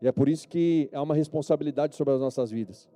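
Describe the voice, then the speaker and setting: A man's voice: a little high, fast talker, warm tone, soft background music. A male pastor with a Brazilian Portuguese accent preaching a sermon at a church service, often calling for amen and yes-or-no answers from the congregation.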